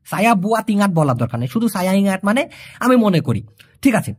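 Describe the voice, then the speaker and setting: Woman, online language teacher, lively pitch, patient and repetitive. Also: slightly rough. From Bangladesh. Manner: patient, repeats words slowly to drill them. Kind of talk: video language lesson answering viewer questions.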